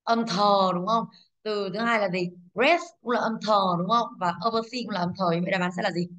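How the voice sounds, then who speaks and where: Her voice medium in pitch, a little fast and a bit bright, a woman English teacher with a Vietnamese accent walks through exam answers. She is patient, asks rhetorical questions to check in, and corrects herself.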